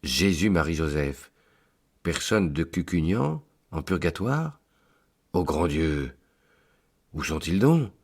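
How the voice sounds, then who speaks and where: A man's voice: deep voice, lively intonation, slow, long pauses, slightly rough, exaggerated voice. A man voicing an anxious village priest, pleading and exclaiming in dismay.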